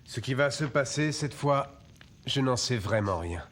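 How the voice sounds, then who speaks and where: Mid-pitched wise chief Powhatan. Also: male voice, animated, a bit bright. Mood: grave. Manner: measured, patient, authoritative. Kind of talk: French animated film dubbing. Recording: music behind the voice.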